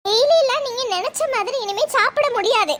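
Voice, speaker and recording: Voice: very high-pitched, animated, fairly quick, very noisy. A young performer voicing a crafty, spendthrift young daughter-in-law in a comedy sketch, speaking with a Thoothukudi Tamil accent in a coaxing, offhand way. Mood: lecturing.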